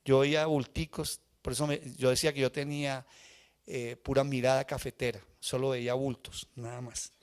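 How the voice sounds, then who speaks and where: A man's voice: medium pitch, level tone, moderate pace, clean tone. A male pastor preaching a live sermon in church, telling a personal story with feeling and asking the congregation questions. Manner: emotional personal testimony, asks the congregation questions. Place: church sanctuary before a congregation.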